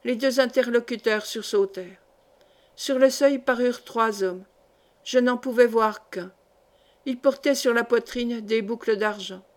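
A woman narrates a classic short story in a steady, measured reading. Her voice sits fairly high, with even storytelling pacing. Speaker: audiobook reader. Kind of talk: literary narration.

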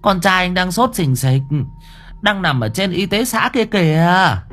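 A man voicing a fussy old village woman who fusses over the neighbors and scolds loudly. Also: big pitch swings, measured pace, faint music behind, heavily acted. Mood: worried. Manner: loud, shrill scolding.

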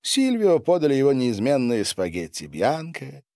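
Man narrating an audiobook, lively. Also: medium pitch, no echo, clean studio sound. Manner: measured storytelling.

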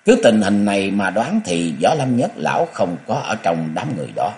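A man narrating a martial arts novel as an audiobook, telling the story in an expressive way. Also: on the low side, normal speed.

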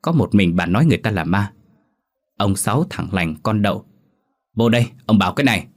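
A man doing a gruff, scolding village husband. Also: fairly low pitch, animated, fairly quick, lightly acted. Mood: angry. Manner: scolding, brusque. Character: angry older village husband, irritable.

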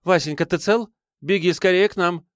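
A man's voice: high-pitched, moderate pace, clean tone, no echo, studio quality, voice pushed up, close to an everyday voice. A man voicing a commanding young woman with a rifle in an audiobook. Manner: barking orders.

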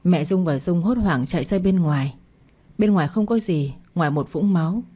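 A woman's voice: on the low side, normal speed, warm tone, breathy edge. A woman narrating a story in one plain voice, reading all parts herself.

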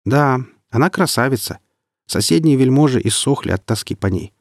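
A man's voice: mid-range voice, lively intonation, moderate pace, no echo, clean studio sound, voice pushed up. A man reading the part of an earnest young man of conscience who speaks in an indignant, sincere way.

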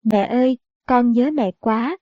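A woman's voice: on the high side, measured pace, no room sound, dull audio, natural voice. A woman reading the part of a sixteen-year-old boy who sobs and pleads with his mother in an audiobook. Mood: tearful. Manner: sobbing, pleading. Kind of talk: audiobook narration.

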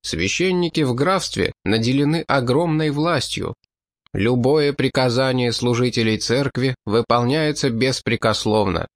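A man's voice: medium pitch, unhurried, no room sound, natural voice. A man reading an audiobook, voicing a hard, ruthless French marquis who speaks in a blunt, ironic and contemptuous way. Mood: scornful.

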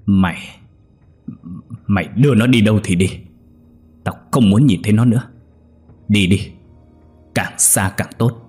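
A man's voice: lowish voice, a little slow, pauses often, a little mellow, breathy edge, soft background music. A man voicing the harsh master of a wealthy house who angrily gives orders. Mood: furious. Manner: angry, commanding.

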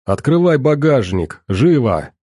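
A man voicing a hurried father who gives curt, commanding orders. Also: medium pitch, warm tone, no echo, clean studio sound, close to an everyday voice. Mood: urgent.

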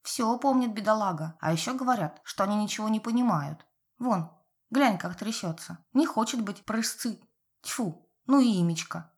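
A woman's voice: mid-range voice, expressive, moderate pace, husky, voice pushed up. A woman voicing an elderly village neighbour, blunt and nosy, in folksy rustic speech, in an audiobook. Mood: gossipy.

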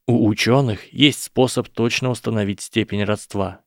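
A male reader voices an earnest young wizard in an audiobook, calm and reasoning as he lays out his argument slowly and persuasively. His low, gravelly tone stays steady, close, and dry, with no room around it.

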